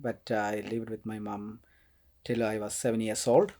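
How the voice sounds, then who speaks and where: Soft-spoken man with a Kerala accent. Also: lowish voice, level tone, normal speed. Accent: Indian, Kerala. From India, Kerala. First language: Malayalam. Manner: soft-spoken, hesitant with many fillers, laughs often. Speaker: podcast guest, priest. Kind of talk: casual interview conversation.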